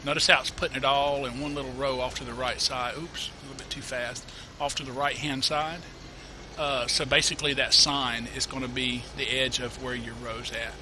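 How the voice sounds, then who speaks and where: Over a noisy background, a man speaks in a medium pitch and level tone at normal speed, casually narrating a farming game tutorial. He has a cold and sniffles a little, and his let's-play commentary rambles, with many fillers and corrections as he goes.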